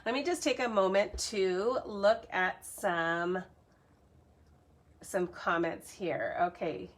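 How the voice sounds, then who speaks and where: A chatty, upbeat woman running a live cardmaking demonstration. Her voice sits at an ordinary middle pitch, and she talks to her viewers in a relaxed, friendly way. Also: slow. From Canada. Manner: chatty, upbeat, reads viewer comments aloud. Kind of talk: casual live tutorial.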